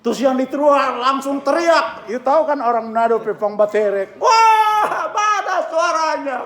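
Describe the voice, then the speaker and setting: A male pastor preaching a sermon with a hoarse voice, swinging from hushed tones to shouting and mixing English phrases into his talk. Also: very high voice, normal speed, roomy sound. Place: church.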